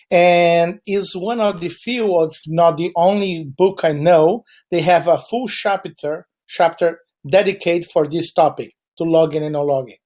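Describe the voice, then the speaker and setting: A man from Chile whose first language is Portuguese, with a Brazilian Portuguese accent, gives a webinar presentation that meanders and is full of fillers. His voice is on the high side and a little mellow.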